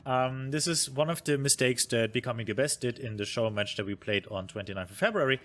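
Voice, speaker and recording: A bit fast and a bit bright, a mid-range male voice walks through a replay of his own strategy game on stream. He keeps the commentary casual, thinking out loud with lots of fillers, beating himself up, and replying to chat.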